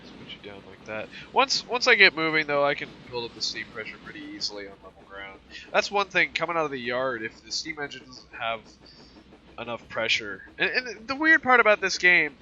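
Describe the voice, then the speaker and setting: A man giving casual game commentary, rambling and thinking aloud, with train engines rumbling behind him. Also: sing-song, fairly quick, lo-fi sound. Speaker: gamer showing a train simulator. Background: loud train simulator engine noise.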